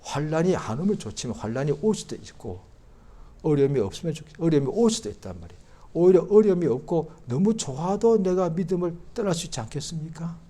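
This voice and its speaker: A middle-aged man preaching a Sunday sermon as pastor. His delivery swings from quiet explanation to loud, high-pitched outbursts, and he acts out prayers and quoted speech.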